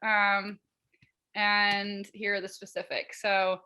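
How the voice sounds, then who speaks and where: Bright-voiced woman co-hosting a panel. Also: medium pitch, flat delivery, slow, slight background noise. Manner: casual, chatty, many fillers. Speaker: college counseling assistant director, co-host. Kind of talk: hosting an online school panel.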